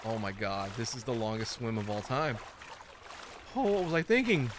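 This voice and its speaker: A young man hosting a gaming video, talking casually and excitably as he plays and reacts. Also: medium pitch, normal speed, noisy background. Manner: excitable, jokey, exclaims often. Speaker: gaming channel host. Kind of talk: let's play commentary.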